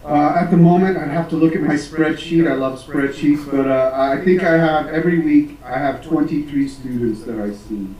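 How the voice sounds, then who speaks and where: An American man in a casual interview, feeling his way through each answer with fillers and restarts. His voice is mellow and slightly higher than most men's. He sits some distance from the mic, in a roomy space that sounds a little dull. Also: moderate pace, few pauses. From United States. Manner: hesitant, many fillers and restarts. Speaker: English teacher, interview guest.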